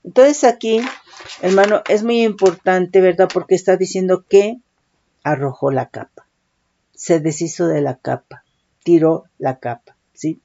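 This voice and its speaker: A woman's voice: on the low side, a little slow, mellow. A woman preaching a sermon, often calling listeners "brother" and checking in with "right?". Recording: dull lo-fi recording.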